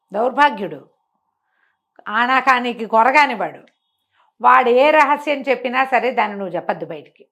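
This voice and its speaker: This woman's voice is a little high with a fairly bright tone. As a storyteller laying out moral teachings, she speaks conversationally and emphatically, often posing questions she doesn't expect answered.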